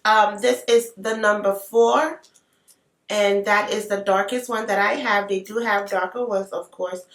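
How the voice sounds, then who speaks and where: A woman's voice: mid-range voice, steady tone, measured pace, fairly bright tone. A woman with an African accent, chatting casually through a makeup tutorial with playful asides. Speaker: beauty vlogger. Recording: roomy sound, mic at a distance.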